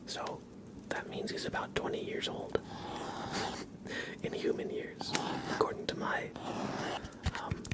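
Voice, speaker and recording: This live streamer runs a relaxed ASMR session, speaking in a soft whisper that is breathy with creaky edges. He's gentle and unhurried, quietly repeating phrases as he chats.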